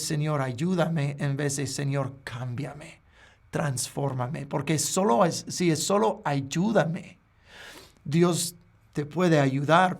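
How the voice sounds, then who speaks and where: A man, a pastor, preaching a sermon in an earnest, halting way with frequent restarts. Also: on the high side, gravelly.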